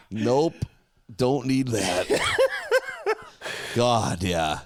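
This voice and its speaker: Lively laughing man riffing crudely. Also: medium pitch, very slow, background noise. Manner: laughs often, crude joking, swears. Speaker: podcast co-host. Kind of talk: casual comedic chat.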